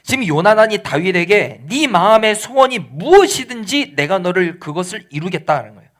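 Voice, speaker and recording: A man's voice: sits high, sing-song, fairly quick, a bit bright. A male pastor preaching a midweek church sermon, explaining scripture in plain conversational words and rising to emphatic pleading. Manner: explains scripture in plain conversational paraphrase, acting out quoted lines.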